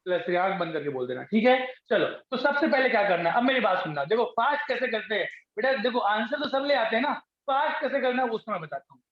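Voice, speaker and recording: A man's voice: very high voice, lively intonation, quick pace, hardly any pauses. Man teaching chemistry in an echoey classroom. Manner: coaxing, repeats questions to students. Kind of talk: classroom lecture. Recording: echoey, dull classroom recording.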